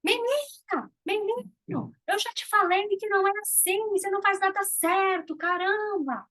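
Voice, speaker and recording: A woman's voice: very high-pitched, moderate pace, a bit bright, voice pushed up. A woman voicing an impatient parent scolding a child. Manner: exasperated, scolding.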